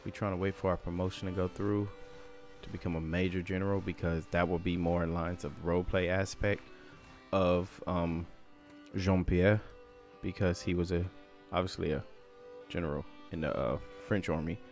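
A man giving casual gameplay commentary in laid-back slang, getting loud and hyped at times. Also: deep voice, flat delivery, moderate pace, faint music behind.

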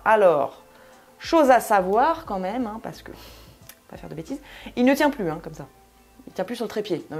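A young woman with a slightly low voice hosts a casual product demo. She talks in a chatty, loose way, full of fillers, while she handles the device. Faint music plays underneath. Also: a little mellow. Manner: chatty, many fillers, demonstrates while talking. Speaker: tech video host.

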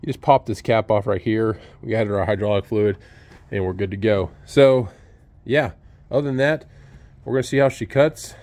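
A man's voice: fairly low pitch, moderate pace. A man who owns a sawmill casually walks through a repair step by step, recorded outdoors on a handheld camera beside the machine. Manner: relaxed, explains step by step with fillers. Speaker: sawmill owner showing a repair. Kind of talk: casual how-to demonstration. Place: outdoors at a sawmill under an open shed.

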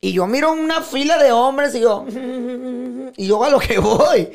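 A man with a Mexican accent talking as a podcast guest in casual conversation, animated and profane, often acting out what others say. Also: very high-pitched, unhurried, gravelly. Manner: animated, profane, acts out quoted speech.

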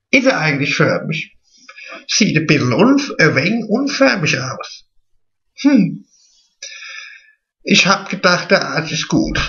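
A man's voice: sits high, bright, forceful tone, muffled recording, heavily acted. A man playing a vain, chatty, naive middle-aged woman in a drag comedy monologue, stretching his words.

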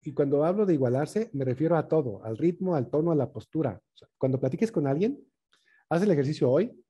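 A man gives a relaxed workshop talk on communication. His voice is very dark and mellow, with a husky edge. He often checks in with his listeners through quick tag questions. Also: fairly high pitch.

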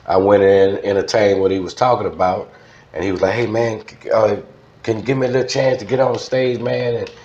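A Louisiana man in his fifties, a former radio DJ guesting on a podcast, tells stories casually in an interview and keeps tossing "man" into his phrases. His Southern voice is lowish, steady, brisk and somewhat dark, with a little hiss or hum. The studio sound is slightly dull and echoey.

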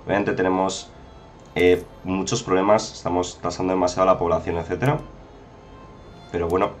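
Deep-voiced Spanish man narrating gameplay. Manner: chatty, exclaims often, addresses viewers as "chicos". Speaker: gameplay commentator. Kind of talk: casual strategy game commentary.

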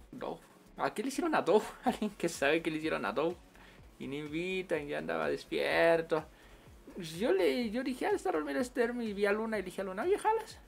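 A man with a Mexican accent chatting casually on a game livestream, full of slang and quick laughs. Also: on the high side, gravelly. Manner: slangy, laughs often while storytelling. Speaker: game streamer.

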